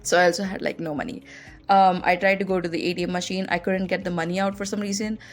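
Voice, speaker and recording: With soft music in the background, a young woman from India hosts a podcast, speaking fast in a lowish, level voice with an Indian English accent. Her casual personal stories are chatty and packed with "like" fillers.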